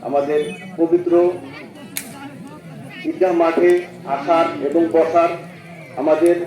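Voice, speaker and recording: A man addressing a prayer congregation on an open ground, halting often with drawn-out "ah" fillers. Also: fairly high pitch, flat delivery, a faint crowd. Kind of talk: public address over a loudspeaker. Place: outdoor Eid prayer ground. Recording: echoey open-air loudspeaker sound, from far off.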